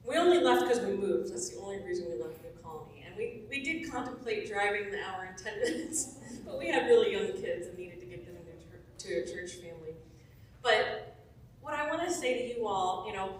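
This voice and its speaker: A woman in her forties, chatty and laughing often, telling a warm testimonial story to a church. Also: mid-range voice. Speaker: former church member giving a testimonial. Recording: echoey room from far off.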